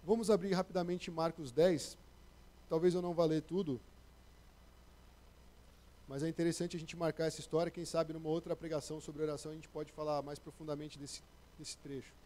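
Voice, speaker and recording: A man's voice: fairly high pitch, flat delivery, brisk, pauses often, dark tone. A young man preaching a casual, conversational sermon into a microphone, slangy and acting out the voices he quotes.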